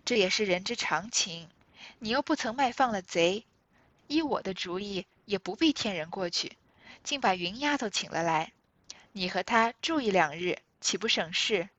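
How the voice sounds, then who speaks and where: A woman voicing a composed, tactful young noblewoman who speaks gently and reasonably. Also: medium pitch, expressive, moderate pace, no room sound, muffled recording. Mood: gentle.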